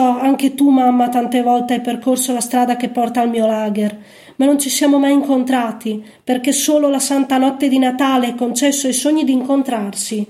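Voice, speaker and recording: A woman narrating a storybook tale in a gentle, unhurried reading voice. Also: sits high.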